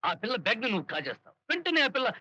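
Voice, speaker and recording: An actor playing a scheming, boastful harmonium player in a film comedy, theatrical in delivery. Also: male voice, very high-pitched, huge pitch swings, racing, pushed and bright, slight background noise, heavily acted. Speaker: comic lead. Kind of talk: Telugu film comedy dialogue. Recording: dry, dull film soundtrack.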